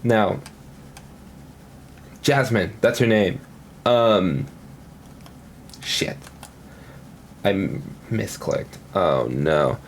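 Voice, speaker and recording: A man's voice: low-pitched, sing-song, drawn-out words, long pauses, a little hiss or hum. A man casually commenting on his gameplay at home, rambling and thinking aloud with lots of fillers. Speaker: gaming commentator.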